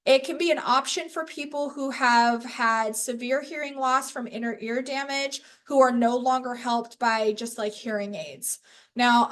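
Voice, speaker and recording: A woman's voice: high-pitched, fairly bright tone. A woman instructor giving a live training presentation over a video call, casual and chatty, correcting herself with light laughs. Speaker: workshop instructor.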